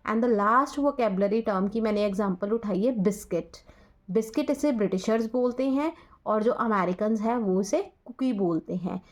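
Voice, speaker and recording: A woman with an Indian accent, teaching an English lesson and explaining patiently, spelling words out letter by letter. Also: mid-range voice.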